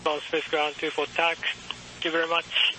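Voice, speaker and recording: Soft man on breaking-up space radio. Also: fairly high pitch, completely flat delivery, a little slow. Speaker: ground controller. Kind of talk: radio procedure talk. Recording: faint hissy radio from far off.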